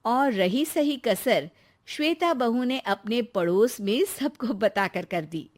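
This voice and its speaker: High-voiced woman narrating a cartoon story. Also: animated, slow pace.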